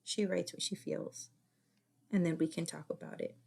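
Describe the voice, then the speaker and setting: A middle-aged woman, a former child therapist, giving casual advice in an earnest, repetitive way that often drops to a soft whisper. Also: lowish voice, huge pitch swings, moderate pace, creaky, slightly rough. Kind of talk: casual advice talk to camera.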